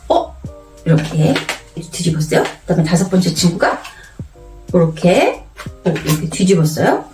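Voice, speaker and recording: Lively, animated woman teaching a game. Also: mid-range voice. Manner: animated, playful teacher voice with exaggerated storytelling. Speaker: teacher demonstrating a memory card game. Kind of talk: classroom-style demonstration and storytelling. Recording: roomy, a bit distant from the mic, faint music.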